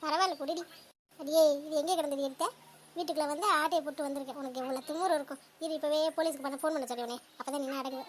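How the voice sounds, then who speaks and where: A woman voicing a bossy older mother-in-law in a comedy cartoon, scolding in rapid-fire bursts. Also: high voice, steady tone, a little hiss or hum, lightly acted. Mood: furious.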